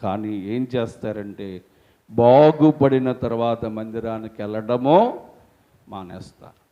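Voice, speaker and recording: A middle-aged male pastor preaching a sermon, slow and emphatic, often sinking to a low voice at the ends of his lines and calling his listeners children of God. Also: dull audio.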